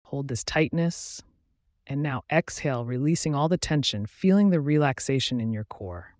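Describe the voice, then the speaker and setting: A man guiding a relaxation meditation in a calm, soothing, measured way, giving instructions with pauses. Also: mid-range voice, dry recording, studio quality. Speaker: meditation guide. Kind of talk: guided relaxation meditation narration.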